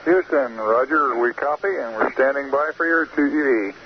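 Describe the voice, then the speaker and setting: A man at mission control comes through a crackly space radio transmission that sounds dull and muffled, with a light hiss underneath. His delivery is calm, clipped and by the book, moving steadily through procedure. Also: medium pitch, normal speed. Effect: crackly long-distance space radio transmission. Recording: muffled, hissy archival radio link.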